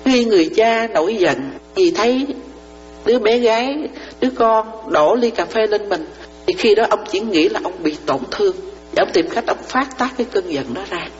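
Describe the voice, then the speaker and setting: Nun giving a dharma talk in a reverberant hall. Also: female voice, medium pitch, lively intonation, normal speed, faint music behind. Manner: explains with parables, often checks that listeners understand. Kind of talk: dharma talk to lay followers. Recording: reverberant hall, dull lo-fi sound, faint mains hum.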